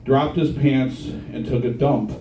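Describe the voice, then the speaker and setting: At a comedy bar with a live, laughing audience, a middle-aged man bantered with the crowd through a crude, punchy stand-up set. His warm mid-range voice is steady and unhurried, picked up from a distance in roomy club sound with a little hiss or hum.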